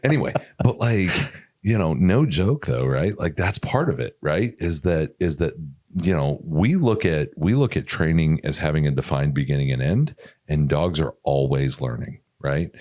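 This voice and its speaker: Male podcast co-host and dog trainer, low voice with a lot of movement, animated and chatty. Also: normal speed. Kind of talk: casual podcast chat.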